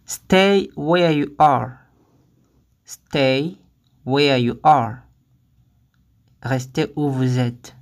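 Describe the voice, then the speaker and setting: A language teacher reading short phrases one at a time, saying each twice with careful, deliberate delivery, then giving the translation. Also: mid-range voice. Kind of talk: slow phrase-by-phrase lesson reading.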